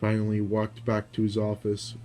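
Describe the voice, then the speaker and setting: A young man narrating his own fan fiction aloud, in a steady storytelling manner with small slips and restarts. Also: fairly low pitch, normal speed.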